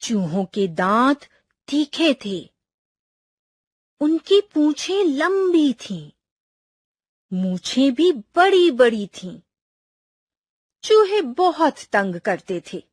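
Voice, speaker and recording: A woman reading a poem and a story aloud to children in an expressive, sing-song recitation. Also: high voice, extremely slow, pauses often, no room sound, studio quality.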